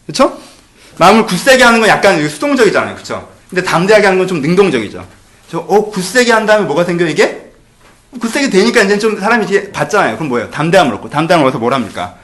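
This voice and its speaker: Animated high-voiced male pastor preaching. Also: roomy sound. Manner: rhetorical questions to the congregation, shifting between hushed and emphatic. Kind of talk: sermon.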